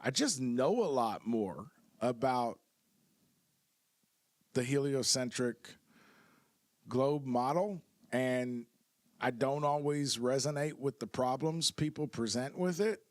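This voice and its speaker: Male podcast guest, mid-pitched, easygoing and reflective, dry close-mic sound. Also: lively intonation, slow, long pauses, no echo. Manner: reflective, easygoing, laughs at times. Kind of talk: casual podcast conversation.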